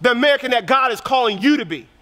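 Youth pastor, man, high and bright tone, driving sermon delivery with heavy repetition, church hall reverb. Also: lively intonation, racing. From Korea. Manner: passionate preaching, repeats phrases for emphasis.

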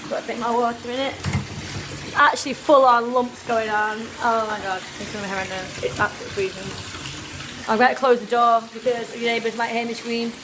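A woman's voice: fairly high pitch, steady tone, a little fast. A woman in her thirties filming a casual vlog on a handheld phone in a small bathroom, nervous and exclaiming. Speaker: vlogger. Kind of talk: casual self-filmed vlog. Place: small tiled bathroom indoors. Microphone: handheld phone at arm's length. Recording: loud running bath water noise. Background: running tap water.

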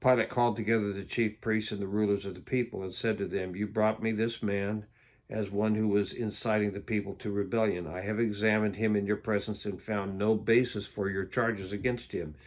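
A man's voice: lowish voice, level tone, a little fast. A man reading Bible passages aloud for a daily devotion, breaking off now and then for plain, offhand comments. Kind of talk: Bible reading with casual asides.

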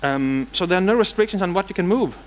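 A middle-aged Danish conference speaker with a Danish accent delivers a technical talk in a large hall, adding dry jokes and casual asides. His voice sits high, expressive and quick-paced.

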